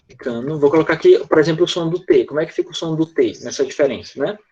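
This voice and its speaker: A male English teacher explaining pronunciation in an online class, patient, often checking in with quick tag questions. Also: fairly high pitch, darkish tone, lo-fi sound.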